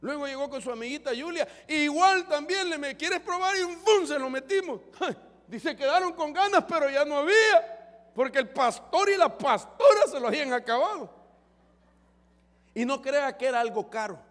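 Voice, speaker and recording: A man's voice: very high-pitched, animated, normal speed, fairly bright tone. A man preaching a fervent sermon as pastor, often calling his listeners brother. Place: church hall. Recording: long church hall reverb.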